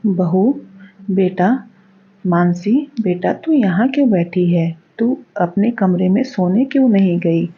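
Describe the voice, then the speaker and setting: A woman's voice: lowish voice, expressive, slow pace, breathy edge, full character voice. Woman voicing an older cartoon mother-in-law. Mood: gentle. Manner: commanding, emphatic. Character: older mother-in-law, stern then tender. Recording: dull lo-fi recording.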